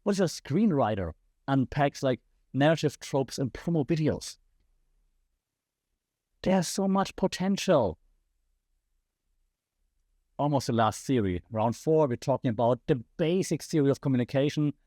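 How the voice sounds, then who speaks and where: Speaking somewhat slowly and pausing often, a man with an expressive, dark, medium-pitched voice hosts a podcast in a German accent. He passionately comments solo, asks listeners rhetorical questions, and is slightly hoarse, in studio-quality sound with no echo.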